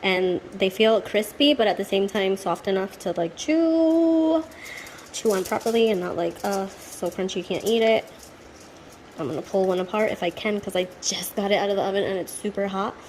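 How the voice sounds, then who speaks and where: A woman who hosts a nail channel tries a recipe in her home kitchen for a cooking vlog, chatting casually, upbeat and self-deprecating as she jokes about her results. Her medium-pitched voice is darkish and fairly even, and she talks fairly quickly. The recording is low quality, with a little hiss or hum.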